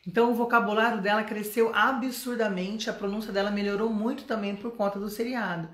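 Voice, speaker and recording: A woman's voice: medium pitch, fairly even intonation, a little fast. A middle-aged Brazilian woman teaching English in a live online lesson, chatty and coaxing, often asking the viewer questions. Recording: roomy echo.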